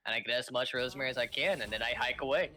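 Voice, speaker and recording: Young male esports caster, bright timbre, loose joking delivery with stuttered restarts. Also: mid-range voice, rapid-fire. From Los Angeles. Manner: joking, rambling, repeats words when starting. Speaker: esports shoutcaster. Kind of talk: casual esports commentary.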